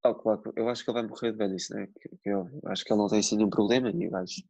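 Fast-talking young Portuguese man, slangy. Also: lowish voice, very animated, creaky, a little mellow, slightly rough, dry recording, dull audio. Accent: European Portuguese. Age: young adult. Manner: slangy and swearing. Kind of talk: casual chat.

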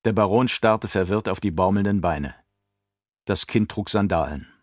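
A man narrating an audiobook with a measured, even reading. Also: sits low, dry recording, studio quality. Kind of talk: scripted narration.

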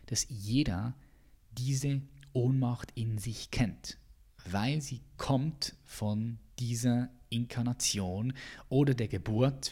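A man giving an intense motivational monologue as a personal growth coach, jumping from loud bursts to hushed whispers. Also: mid-range voice, slightly rough.

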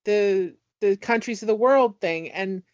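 A woman's voice: mid-range voice, unhurried, darkish tone, no room sound, muffled recording. A woman in her forties in casual chat, joking and blunt. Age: 40s.

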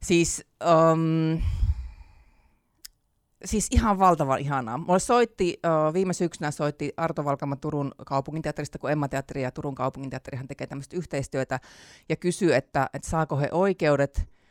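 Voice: mid-range voice, no echo, clean studio sound. Chatty laughing author speaker. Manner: chatty, many fillers, laughs often. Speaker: author and theatre teacher, interview guest. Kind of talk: casual interview chat.

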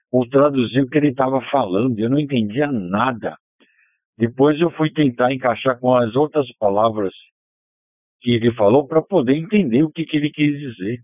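A man running a ham radio net over a two-way radio, chatting in a relaxed way and passing turns with phonetic call signs. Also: on the low side, dry recording. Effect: heard over a two-way radio. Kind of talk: casual radio net chat. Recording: narrow dry radio transmission.

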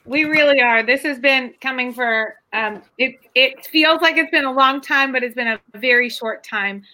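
Upbeat woman host on a video call; high, bright voice. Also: normal speed. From Northern California. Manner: upbeat, with fillers. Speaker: community group founder and host. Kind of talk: casual video call introductions.

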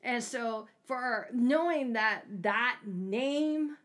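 A woman's voice: fairly high pitch, expressive, extremely slow, a bit bright. A woman co-hosting a casual book discussion, talking hesitantly and trailing off with fillers. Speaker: book podcast co-host.

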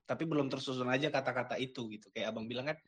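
A man hosting a casual conversation, agreeable and quick to affirm, sharing his own thoughts. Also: medium pitch.

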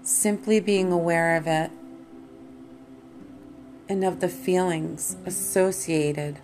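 A woman leading a guided meditation as host and teacher, in a calm, soothing, meditative manner. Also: lowish voice, slow pace. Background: plucked guitar music.

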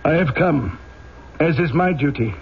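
An actor playing a rigid, coercive police inspector in an old-time radio drama, with clipped, formal, insistent questioning. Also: male voice, fairly high pitch, expressive, measured pace, gravelly. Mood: formal, stiff. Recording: dull, noisy old radio broadcast.

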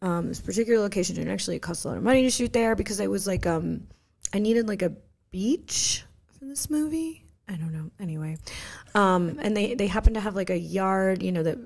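A woman's voice: mid-range voice, fairly quick, creaky, a little mellow. A woman guest on a podcast, telling a story from her film career in a rambling, casual way, full of fillers and restarts.

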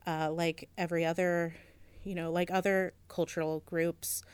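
A woman with a low, smooth voice speaks as a museum curator. She talks thoughtfully, pausing often with fillers and restarting her sentences. The sound is dry and close. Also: flat delivery, dry recording. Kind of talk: interview conversation.

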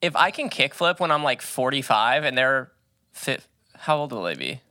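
A man's voice: medium pitch, very animated, moderate pace, pushed and bright, no echo, studio quality. A man in his thirties chatting casually on a podcast, upbeat and full of slang. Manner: enthusiastic, slangy. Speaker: podcast co-host. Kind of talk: casual chat.

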